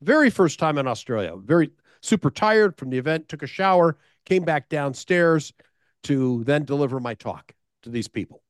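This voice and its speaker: This is a middle-aged American man telling a story on a podcast, voice sitting a little high for a man. He repeats and restarts phrases as he goes, and the sound is close and dry with no room around it. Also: animated, moderate pace, no echo. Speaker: business speaker sharing advice with listeners.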